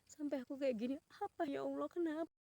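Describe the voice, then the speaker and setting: High-voiced woman telling a story emotionally. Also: fast talker, gravelly, warm tone, no echo. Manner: earnest, emotional retelling with exclamations and trailing restarts. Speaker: vlogger.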